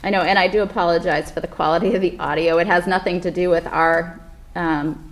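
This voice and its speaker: A woman's voice: on the low side, fairly even intonation, a little fast. Muffled woman chairing, like a bucket over her head. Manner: hesitant, restarting, chairing the meeting. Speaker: committee chair. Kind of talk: public meeting discussion. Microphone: laptop microphone across the room. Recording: noisy remote meeting audio from a laptop mic.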